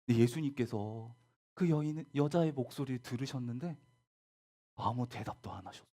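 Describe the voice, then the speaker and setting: A woman telling a Bible story to children in a gentle storytelling manner, with soft whispered asides. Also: extremely low pitch, moderate pace. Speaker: children's ministry teacher.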